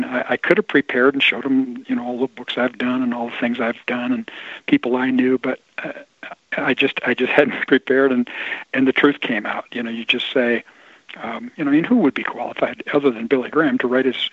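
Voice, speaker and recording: A husky man talks over a tinny phone line with no room sound. He tells his stories in an easy, relaxed way and often restarts his sentences. The line is dry and close. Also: medium pitch, a little fast, no echo. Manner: relaxed storyteller, frequent restarts and light laughter. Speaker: guest author. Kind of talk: phone-in interview storytelling.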